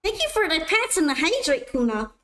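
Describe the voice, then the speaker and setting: A woman's voice: very high voice, sing-song, fairly quick, sharp tone, rough recording. A woman streamer chatting casually with her viewers while playing, self-mocking and answering questions. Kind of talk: casual chat while gaming.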